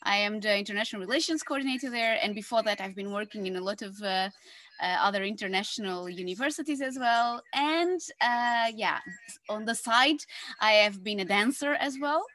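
A woman's voice: mid-range voice, fairly quick. A woman from Portugal, chatting casually as a podcast guest. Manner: relaxed, chatty storyteller. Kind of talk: casual interview.

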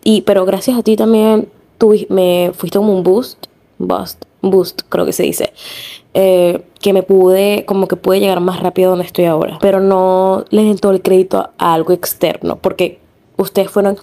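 A woman's voice: medium pitch, little pitch movement, normal speed, dark tone. A young woman with a Venezuelan accent hosting a casual podcast monologue, chatty and rambling, full of fillers and self-corrections. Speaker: podcast host.

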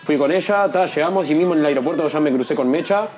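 Young man, quick and lively storyteller, slightly high voice, faint music bed. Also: highs cut off. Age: young adult. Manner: animated, acts out quoted voices in a higher pitch. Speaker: guest, freestyle rapper. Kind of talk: casual storytelling interview.

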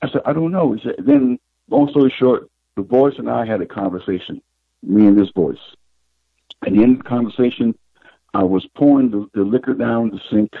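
A middle-aged man, a psychic guest, telling his life story in an interview in an unhurried, reflective way. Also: lowish voice, gravelly, slightly rough, no room sound. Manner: unhurried, reflective, retells scenes with quoted dialogue. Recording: tinny phone line.

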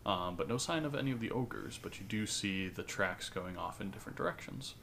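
A man's voice: fairly low pitch, expressive, a little fast, creaky, fairly bright tone, slight background noise. A man narrating as game master, rambling with lots of ums and likes. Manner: rambling, many fillers.

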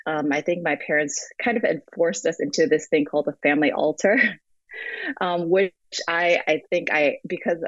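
A young American woman appears as a guest in a remote interview, speaking at normal speed in a low voice, reflective and hesitant with frequent ums and restarts. She is on a phone app call, and the line sounds dull and dry.

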